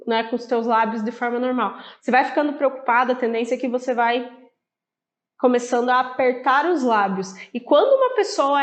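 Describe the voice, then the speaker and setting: Brazilian woman chatting thru a book on body language, kinda high voice, talks right to you. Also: dull audio. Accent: Brazilian Portuguese. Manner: conversational, addresses viewer directly with fillers. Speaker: book presenter. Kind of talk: casual explanatory talk.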